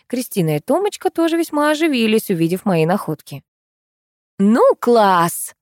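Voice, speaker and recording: Woman reading a funny audiobook, lively and dramatic, close dry mic. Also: a little high, fast talker, dry recording. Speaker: audiobook narrator. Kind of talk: expressive first-person audiobook reading.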